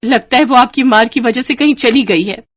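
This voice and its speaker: Woman voicing a sweet young bride, gentle and caring, talks kind but firm. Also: a little high, moderate pace, a little hiss or hum, voice pushed up, natural voice. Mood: worried.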